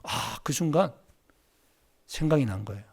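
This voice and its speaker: A man preaching a sermon as pastor at a church service, telling stories in an animated way and acting out the dialogue. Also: medium pitch, normal speed, gravelly, slightly rough.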